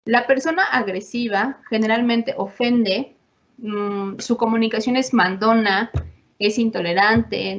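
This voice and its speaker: Mexican woman teaching, conversational, higher-pitched voice, dull lo-fi audio. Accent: Mexican Spanish. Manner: conversational, acts out quoted voices, frequent tag questions. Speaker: university lecturer. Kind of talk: informal lecture.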